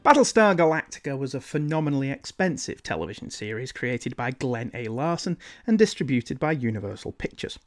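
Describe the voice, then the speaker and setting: Male podcast host, scripted delivery, lively swings in pitch, emphatic phrasing, faint music behind. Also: brisk, hardly any pauses. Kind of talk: scripted narration.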